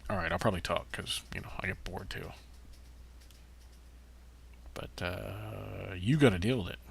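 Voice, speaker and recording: Low, creaky, and slightly rough, this man's voice moves at a measured pace as he gives relaxed let's-play commentary for his gaming channel. He has the hiccups, rambles with plenty of "uh"s, and talks to himself mid-game.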